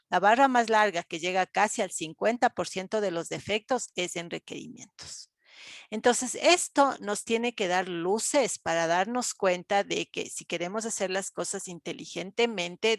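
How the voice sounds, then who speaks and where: A woman's voice: mid-range voice, vocal fry, dry recording. A woman, lecturing an online class, explaining step by step with frequent fillers and check-ins to students. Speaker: university lecturer.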